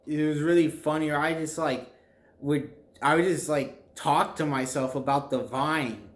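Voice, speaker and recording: A young man chatting casually to viewers in a halting, rambling way, often groping for words. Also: medium pitch. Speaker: vlogger telling a personal story. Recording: echoey, reverberant room.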